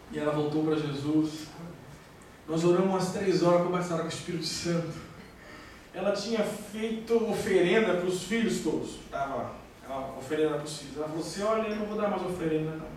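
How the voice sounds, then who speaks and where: A man's voice: on the high side, a little fast, darkish tone. A man with a Brazilian Portuguese accent, a pastor giving an emotional testimony sermon and acting out the dialogue as he tells it. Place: church hall. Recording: very echoey hall, far from mic, faint hiss.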